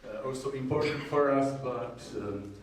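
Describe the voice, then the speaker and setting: A man from the Czech Republic with a Czech accent gives a technical conference presentation in a hesitant, halting manner with frequent pauses. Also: mid-range voice. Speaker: conference presenter, university groundwater modeler. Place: indoor presentation room with strong echo. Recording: echoey hall, distant mic, faint noise.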